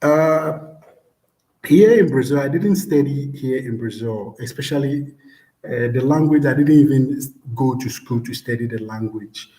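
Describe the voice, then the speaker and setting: A man's voice: mid-range voice, a little slow, warm tone. Easygoing Ghanaian man, echoey room. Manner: easygoing, repeats words, many fillers. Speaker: vlogger answering viewer questions. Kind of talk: casual live-stream chat.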